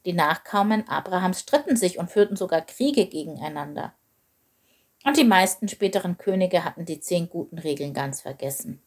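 Lady reading a kids bible story out loud, steady and clear. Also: fairly low pitch, moderate pace. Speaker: narrator.

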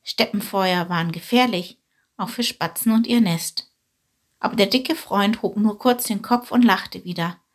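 A woman calmly narrating a children's storybook. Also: mid-range voice, measured pace.

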